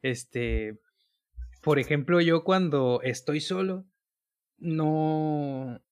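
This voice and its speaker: A young man from Tabasco with a light Tabasco accent, trading stories in a casual chat. His voice sits a little high for a man. His talk is loose and slangy, sprinkled with swearing, and he laughs often. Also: drawn-out words. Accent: Tabasco Spanish. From Tabasco, Mexico. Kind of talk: casual chat among friends.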